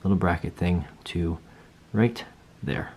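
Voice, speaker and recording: A man's voice: deep voice, slow, darkish tone, breathy edge. A young man casually walking through his first hands-on build, chatty and self-deprecating as he thinks aloud. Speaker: vlogger building a PC.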